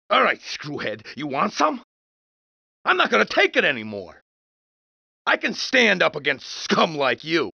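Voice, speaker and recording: An actor playing an angry, unhinged, burnt-out city taxi driver in a video game, cursing and exasperated. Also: male voice, sits high, vocal fry, pushed and bright, dry recording, heavily acted. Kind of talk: video game character barks. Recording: dull, lo-fi game audio.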